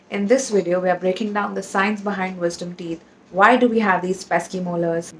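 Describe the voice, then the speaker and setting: A woman's voice: medium pitch, a little hiss or hum, low-quality recording. A woman hosting a dental channel who says she sounds sleepy this early in the morning. She delivers scripted educational narration in an upbeat, playful, punny manner.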